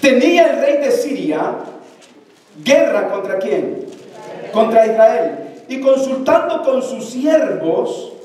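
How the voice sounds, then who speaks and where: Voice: medium pitch, big pitch swings, slow, a little mellow. Preacher, sermon, storytelling, questions to the congregation, distant mic, echoey church hall.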